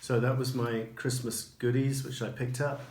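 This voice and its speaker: A man reviewing his purchases in a casual video, unhurried and dotted with ums and restarts. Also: mid-range voice, flat delivery, a little mellow. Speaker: record collector showing purchases. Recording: echoey room with faint noise.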